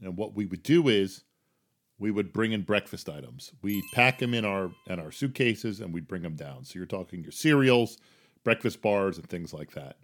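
A middle-aged man with a New Jersey accent hosting a casual solo podcast, chatty and self-deprecating, swinging between loud emphasis and quiet asides. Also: sits low, expressive, normal speed. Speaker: podcast host.

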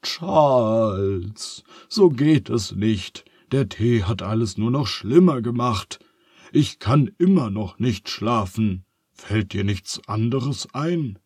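A man's voice: on the low side, animated, takes it slowly, a little mellow, slightly rough, no echo, studio quality, exaggerated voice. A man voicing Phineas, a sleepless young boy wizard with a whiny, fretful manner.

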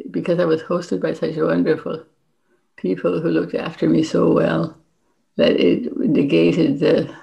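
An older woman, a memoir author and former NGO worker, speaks reflectively as an interview guest. Her voice is lowish and darkish with vocal fry, in a dull, lo-fi recording.

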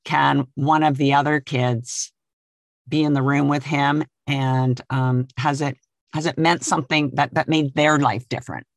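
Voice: mid-range voice, fairly even intonation, measured pace, vocal fry, no room sound. An interviewer asking conversational questions, hesitant and repeating words while asking.

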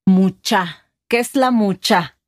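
A woman hosts a relaxed chat at a middle pitch. She explains ideas and keeps asking curious follow-up questions. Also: slow pace. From Mexico. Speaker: host. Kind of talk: casual conversation about regional words.

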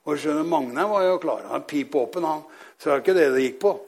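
A man preaching, telling a personal story with lively, fervent emphasis and frequent laughs. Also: a little high, breathy edge. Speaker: pastor. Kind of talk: sermon testimony.

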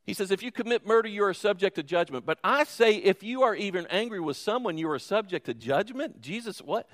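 In a reverberant church hall, a pastor preaches with a high-pitched, expressive voice at a slightly quick pace. He keeps the sermon conversational, putting questions to the congregation and joking with them.

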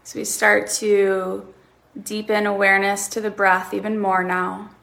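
A woman guiding a relaxation meditation, counting breaths slowly and leaving long pauses between short phrases. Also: mid-range voice, flat delivery, vocal fry, fairly bright tone.

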